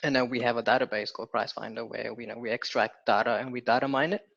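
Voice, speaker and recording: Man in his twenties, from Ethiopia, gravelly, monotone, filler-heavy casual talk, muffled lo-fi recording. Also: mid-range voice, quick pace. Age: 20s. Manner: relaxed, many fillers like "you know" and "um". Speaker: guest, property research analyst. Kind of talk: casual interview chat. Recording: dull lo-fi audio.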